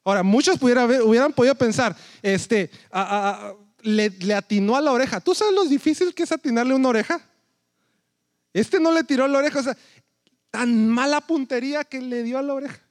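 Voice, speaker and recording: This pastor's voice is extremely high and his pace brisk as he preaches in a chatty, story-driven style, constantly checking in with his listeners. The recording is dry and of studio quality.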